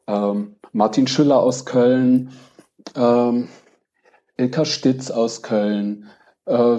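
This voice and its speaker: A man with a mellow, medium-pitched voice gives casual, reflective interview answers. He pauses to find his words, and the recording is a little dull and lo-fi. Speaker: podcast guest, crime novelist. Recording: dull, lo-fi connection.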